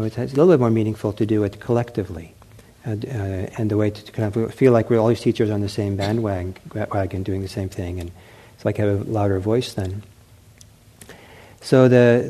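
In a meditation center hall, a middle-aged meditation teacher gives a dharma talk in a fairly low voice. He is gentle and unhurried, often pausing with fillers and restarting his phrases.

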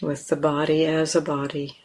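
Leading a guided meditation, this female teacher uses a low voice and flat delivery. She speaks softly, leaving long silences between brief phrases.

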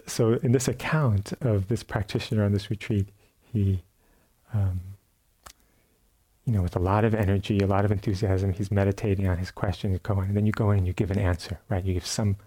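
A man gives a dharma talk at a retreat, his voice low and soft-edged with a slightly husky grain. He tells a story loosely and calmly, full of fillers and false starts, and now and then acts out a bell or a shout. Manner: relaxed storytelling with many fillers and restarts. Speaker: meditation teacher. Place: retreat center meditation hall.

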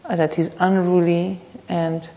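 A woman gives an unscripted dharma talk as a meditation teacher, speaking reflectively and haltingly, with pauses and repeated phrases. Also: fairly low pitch, little pitch movement, dark tone. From Thailand. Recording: muffled, reverberant hall.

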